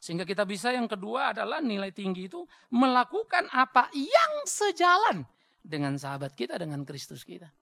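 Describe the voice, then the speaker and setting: A man with a Batak accent preaches a sermon in a blunt, joking and animated way. His voice sits high and sounds gravelly and bright. The sound is dry and close. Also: fairly quick, no room sound. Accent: Batak Indonesian. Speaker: pastor.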